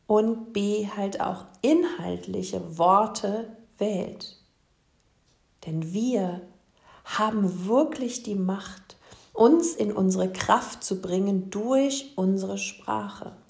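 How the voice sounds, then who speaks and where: A woman hosts a spiritual coaching podcast in a slow, unhurried voice with a gravelly edge. She talks gently and directly to her listener. The recording sounds echoey, as if made in an open room. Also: mid-range voice, expressive. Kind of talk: slow, soothing podcast monologue.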